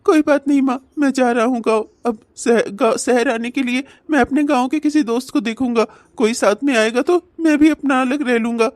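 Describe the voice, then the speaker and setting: A woman plays a sly unemployed young brother-in-law in a cartoon comedy, who whines and fakes sobs. The voice is high and dry. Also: brisk, few pauses, darkish tone, no room sound, close to an everyday voice. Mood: fake crying. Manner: fake sobbing, whiny.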